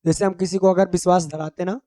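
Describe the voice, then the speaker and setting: A man's voice: sits high, flat delivery, quick pace, warm tone, no echo, studio quality. A man teaching everyday English phrases, repeating each phrase and quizzing the listener. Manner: drills each phrase with repeated quiz questions; simple, homely explanations. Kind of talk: Hindi-language English lesson.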